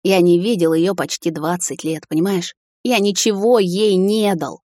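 A woman's voice: on the low side, fairly even intonation, moderate pace, no echo, studio quality, close to an everyday voice. A woman voicing a desperate middle-aged king who pleads, rages and breaks down in an audiobook. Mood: broken, pleading. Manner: pleading then shouting, raw and broken. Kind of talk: audiobook character reading.

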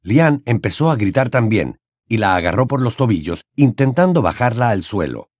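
A man reading a fantasy novel aloud as an expressive audiobook narrator. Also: fairly low pitch, normal speed, no echo, studio quality. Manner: expressive storytelling with wide intonation. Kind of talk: scripted narration.

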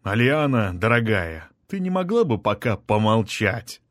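A man voicing a scheming, mocking male court mage who taunts his enemies in slow, drawn-out phrases. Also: lowish voice, big pitch swings, no room sound, clean studio sound.

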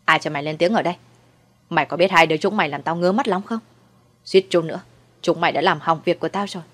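Reading from a storybook, a woman voices a scheming, cruel old mother-in-law in a lowish, fairly everyday voice at a fast pace. Contemptuous and coldly mocking, she sounds sweetly cold before breaking into shrieks.

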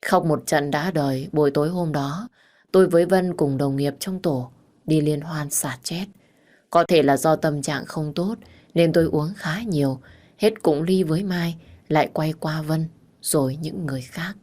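A woman narrating a romance story in the first person, calm and measured. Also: low-pitched.

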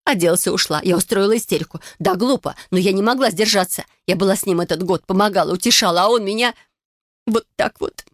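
A woman's voice: mid-range voice, quick pace, dry recording, studio quality, close to an everyday voice. A woman voicing a tearful, frightened young noblewoman who pleads between sobs. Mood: distraught. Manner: pleading, sobbing.

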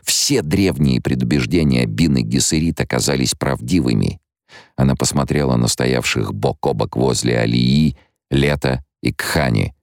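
A man narrating an audiobook in a steady, dramatic reading. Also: extremely low pitch, normal speed, dry recording, studio quality. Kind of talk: scripted narration.

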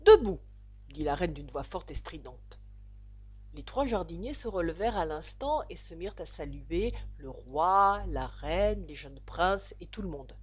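A woman narrating a classic children's story in an expressive, dramatic reading style. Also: fairly low pitch, breathy edge. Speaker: audiobook narrator.

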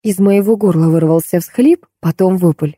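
Woman reading an audiobook, very dark mellow voice, dry close sound. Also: on the low side, moderate pace, no room sound. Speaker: audiobook narrator. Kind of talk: scripted narration.

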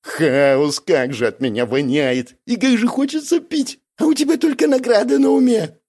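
A put-upon male soldier whose voice climbs high and loud as he whines and complains, played by a man reading an audiobook. He sounds forever close to tears. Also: expressive, fairly quick. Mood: whiny. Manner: whining, complaining, near tears. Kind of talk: audiobook character voice.

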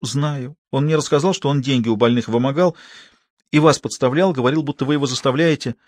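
A man reading an audiobook and voicing a tearful young woman nurse who begs softly and insistently. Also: mid-range voice, fairly quick, no echo, studio quality, pitched above the performer's own voice, close to an everyday voice. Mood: begging. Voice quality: soft, pleading. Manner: begging and insistent. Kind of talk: audiobook character voice.

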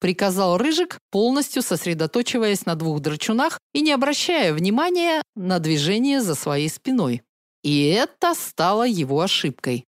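Lively woman narrating an audiobook. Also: mid-range voice, normal speed, no room sound, studio quality. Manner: lively, playful first-person telling.

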